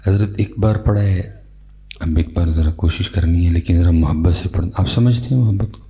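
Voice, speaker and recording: Deep gravelly male preacher. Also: warm tone. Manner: slow chanted Arabic recitation, then intimate conversational preaching. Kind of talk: religious speech at a conference. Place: conference stage.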